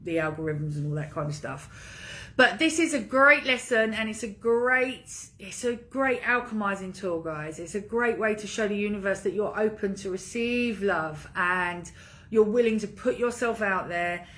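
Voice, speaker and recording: A woman's voice: mid-range voice, lively intonation, moderate pace, fairly bright tone. A woman coaching an online group in a casual livestream, talking informally in an emphatic pep-talk way that leans on repetition.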